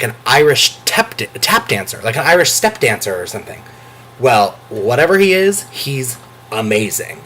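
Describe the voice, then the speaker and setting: Male vlogger, excitable and gushing, very lively pitch, teary. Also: a little hiss or hum. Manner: gushing and emotional, on the verge of tears; animated, with sudden jumps into a high voice. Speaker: vlogger reviewing a show. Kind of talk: excited casual vlog talk.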